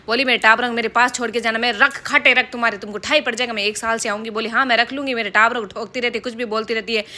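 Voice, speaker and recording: A woman's voice: fairly high pitch, bright, forceful tone. A young woman with a Rajasthani accent, narrating a casual vlog in a playful, joking way. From Rajasthan, India. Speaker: vlogger.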